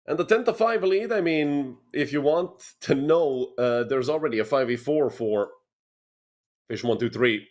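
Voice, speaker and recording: With a mid-range, slightly mellow voice and a somewhat slow delivery, a young man from Serbia commentates an esports match solo. Between plays he chats with the viewers.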